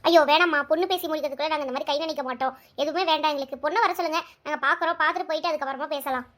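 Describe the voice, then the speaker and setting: A woman voicing a bustling mother of the bride in a cartoon, chattering in a hospitable, rapid way. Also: high voice, steady tone, fairly bright tone. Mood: fussing. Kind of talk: cartoon voice acting.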